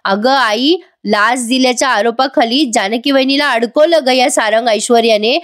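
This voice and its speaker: A woman's voice: a little high, normal speed, a bit bright, lightly acted. A woman voicing an angry young man accusing his grandmother in a heated way.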